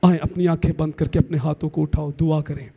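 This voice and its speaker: Give me an impassioned high-voiced male pastor. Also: fairly even intonation, gravelly, warm tone, husky. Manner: impassioned, emphatic appeals. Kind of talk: sermon.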